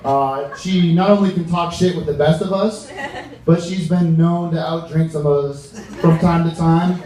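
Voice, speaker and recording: A young American man giving an informal wedding toast as best man, halting and joking, with slangy wording. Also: a little high, steady tone, dark tone. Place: large reverberant room with a reacting crowd. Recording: echoey room, distant mic, audience noise.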